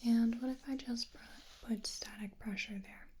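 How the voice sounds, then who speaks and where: A woman doing a whispered role-play as a medical examiner, with a soft, soothing, breathy, hushed delivery. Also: on the high side, fairly even intonation, normal speed. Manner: soft, soothing spa-like whisper with personal attention. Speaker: ASMR performer playing a medical examiner.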